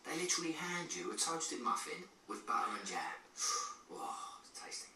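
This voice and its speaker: A man voicing a cheerful male lizard mascot in a commercial, with a British accent and relaxed sales patter. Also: a little high, normal speed. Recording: distant ad clip, roomy, hissy.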